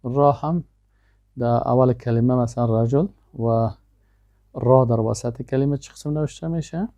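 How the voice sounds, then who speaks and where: Gravelly male teacher. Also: medium pitch, fairly even intonation, dark tone, no room sound. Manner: reads out words one by one, then explains in plain everyday speech. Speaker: Arabic teacher. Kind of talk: language lesson with pronunciation drills.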